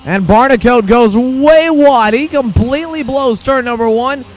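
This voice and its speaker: High-pitched male motorsport commentator calling a race. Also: a little slow. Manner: excitable, urgent calling of the action. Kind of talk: live kart race commentary, play-by-play.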